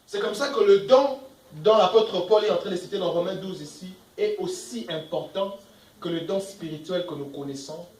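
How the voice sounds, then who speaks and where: High-voiced preaching man, echoey church. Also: normal speed, a little mellow, recorded from a distance. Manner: emphatic, asks the congregation questions; reads scripture verses aloud between comments. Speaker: pastor. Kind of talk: sermon.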